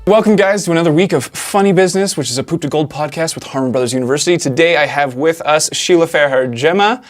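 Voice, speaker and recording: A man's voice: on the high side, fast talker, faint music behind. A man hosting a podcast, asking questions in an upbeat, enthusiastic way. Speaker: podcast host. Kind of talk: casual interview.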